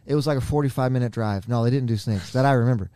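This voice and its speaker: A man's voice: medium pitch, very fast, mellow, no echo, studio quality. A young man co-hosting a casual podcast, telling stories in a rambling, self-deprecating way. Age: young adult. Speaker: podcast co-host. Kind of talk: casual chat.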